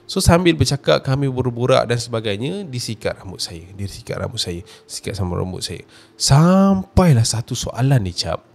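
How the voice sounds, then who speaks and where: A man's voice: medium pitch, sing-song, moderate pace, creaky. Malaysian man telling a horror story. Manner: casual, addresses the listener directly. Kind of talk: first-person horror story retelling.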